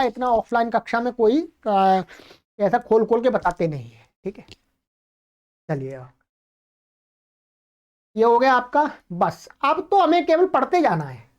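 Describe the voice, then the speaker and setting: High-voiced woman teaching Sanskrit grammar. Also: dull audio. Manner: explanatory, checks in with listeners often; slows down to recite grammar rules. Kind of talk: online lecture.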